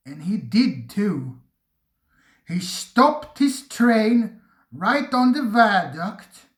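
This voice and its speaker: A narrator reading a railway storybook aloud in an expressive way, recorded in a roomy space. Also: mid-range voice.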